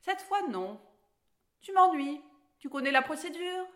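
A woman's voice: high-pitched, wildly swooping pitch, moderate pace, a bit bright, roomy sound, voice pushed up, heavily acted. A woman voicing a grumpy, impatient little dwarf in a storybook reading, curt and irritated.

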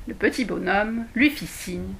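Une femme qui lit un conte pour enfants à voix haute, sur un ton doux et posé. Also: female voice, medium pitch, vocal fry, slight background noise. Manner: slow, gentle storytelling. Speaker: storyteller. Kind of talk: reading a children's tale aloud. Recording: echoey room.

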